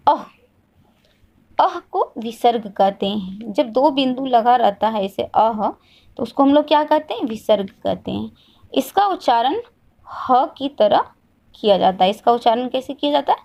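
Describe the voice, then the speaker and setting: Woman, teacher, fairly high voice, asks and answers herself, repetitive drilling lesson. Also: animated, a little slow, creaky, a little mellow. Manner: asks questions and answers them herself, repeats each point. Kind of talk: classroom lesson.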